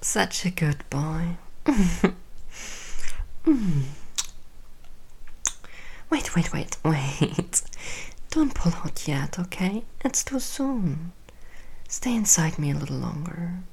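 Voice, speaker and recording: A woman playing a seductive, commanding queen in an intimate audio roleplay, talking in a breathy, whispery, teasing way. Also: on the low side, animated, takes it slowly, pauses often, a little mellow, exaggerated voice. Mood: tender.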